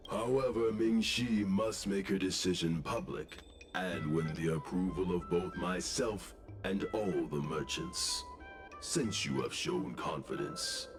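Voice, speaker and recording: A proud, deep-voiced guild president. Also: male voice. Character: proud stubborn male merchant guild president. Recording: game audio over loud music.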